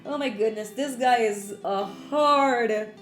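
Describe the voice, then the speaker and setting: A woman's voice: on the high side, slow pace, reverberant. A woman streamer playing a mystery game, making giddy, playful, sweary asides. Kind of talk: let's play reading and voicing game dialogue. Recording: game music under voice.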